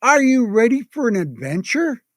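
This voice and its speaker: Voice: mid-range voice, very animated, normal speed, no echo, studio quality, natural voice. A narrator voicing a kindly, hearty old Santa Claus in a children's storybook tale. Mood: encouraging.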